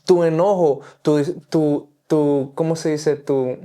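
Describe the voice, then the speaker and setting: Mellow-voiced man preaching earnestly. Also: fairly high pitch, fairly even intonation, takes it slowly. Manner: earnest, exhorting, repetitive phrasing. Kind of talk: preaching in conversation.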